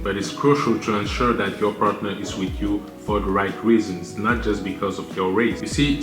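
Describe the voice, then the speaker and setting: A man in his thirties from Cameroon, giving measured list-style advice to his channel audience with the odd filler. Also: lowish voice. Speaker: channel host. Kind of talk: scripted commentary to camera. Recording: roomy echo with music bed.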